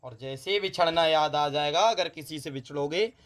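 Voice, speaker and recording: A man's voice: a little high, a bit bright. Hindi teacher man drilling exam answers. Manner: addresses students as "beta", drills by elimination; recites verse slowly and drawn out. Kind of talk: exam-prep lesson.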